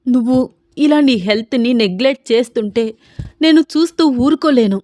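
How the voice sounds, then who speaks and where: A woman's voice: on the high side, normal speed, darkish tone, no echo, clean studio sound, close to an everyday voice. A woman voicing a stubborn, devoted young woman who pleads and defies her cousin. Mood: pleading, defiant. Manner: pleading yet defiant.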